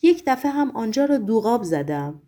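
Terrified cowardly informer, stammering, mellow dark voice , woman doing it. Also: very high-pitched, sing-song. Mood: frightened. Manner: frightened, stammering.

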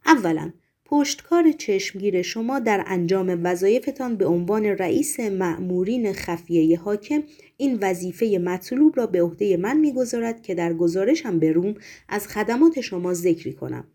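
A woman voicing a stern, probing male Roman governor who asks measured, formal questions. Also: medium pitch, animated, warm tone.

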